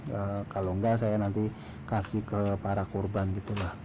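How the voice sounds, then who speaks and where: A man tells a story casually to camera, halting and hesitant as he goes. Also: lowish voice, level tone, background noise. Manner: hesitant, halting delivery with throat-clearing. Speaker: food vlogger telling a story.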